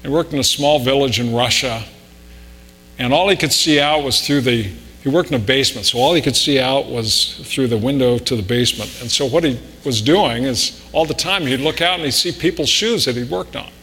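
A man's voice: mid-range voice, fairly quick, a bit bright. A man preaching a conversational sermon with anecdotes, pressing harder on his key points. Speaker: pastor. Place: church sanctuary. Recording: reverberant hall with mains hum.

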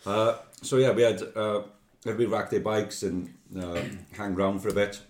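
A man's voice: on the low side, fairly even intonation, moderate pace, a little mellow, roomy sound. A man co-hosting a club podcast, chatting casually and rambling with many fillers. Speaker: podcast co-host. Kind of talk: casual chat.

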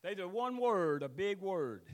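Male country pastor, high-pitched, Southern US drawl, folksy rambling sermon delivery with drawn-out scripture. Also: very animated. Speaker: pastor preaching to his congregation. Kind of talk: sermon, mixing scripture reading with plain exhortation.

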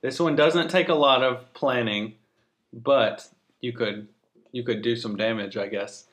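A man's voice: medium pitch, unhurried, fairly bright tone. A man, a podcast co-host, telling an amused story in casual chat.

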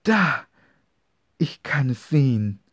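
A man voicing an excited, curious young boy in a children's story. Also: lowish voice, unhurried, breathy edge, no room sound, clean studio sound, exaggerated voice. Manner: eager, excited.

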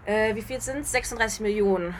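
A young woman of middling pitch hosts a loose podcast chat from her flat. She jokes, riffs and laughs along with her co-host. A faint room noise lies underneath. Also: a little fast. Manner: joking, animated, playful. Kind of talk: casual chat.

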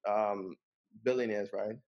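A man's voice: lowish voice, fairly even intonation, unhurried, muffled recording. A middle-aged man speaking as a guest in a casual discussion, earnest, often repeating words as he builds a point.

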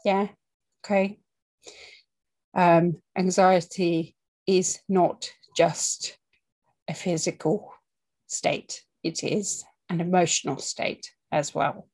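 Slow, halting woman, slightly husky. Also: on the low side, fairly even intonation, a little mellow. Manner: halting, deliberate delivery with long pauses; candid, conversational, checks in with okay and yeah. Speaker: breathing coach. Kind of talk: informal spoken talk to camera about anxiety and breathing.

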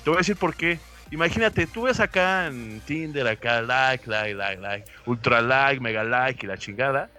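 A man's voice: mid-range voice, animated, normal speed, hardly any pauses, sharp tone, soft background music. A young Mexican man in casual chat, laid back and slangy, explaining his point with asides.

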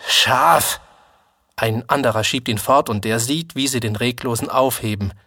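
A man reading a literary story aloud in a calm, measured manner. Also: medium pitch, dry recording, studio quality. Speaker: narrator.

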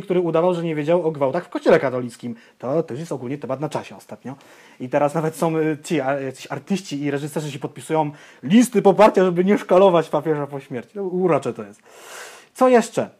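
A young man co-hosting a podcast, blunt and opinionated, ranting and swearing in casual chat. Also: high-pitched. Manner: blunt, swears, ranty and animated. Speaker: podcast co-host.

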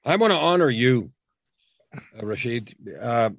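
A middle-aged man, a coach and podcast guest, talking earnestly in a repetitive, emphatic way, his voice dropping low on key phrases. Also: lively intonation, unhurried, dry recording. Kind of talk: motivational interview talk.

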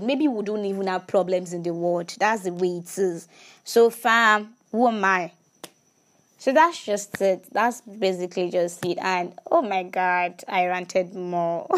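A woman giving a casual faith talk to her viewers, emphatic, repeating words and asking rhetorical questions. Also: mid-range voice.

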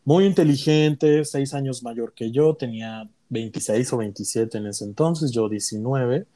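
A young man with a Mexican Spanish accent, a guest in a casual chat, tells a personal story candidly and with animation, at a medium pitch and measured pace. He acts out the voices of the people in his story.

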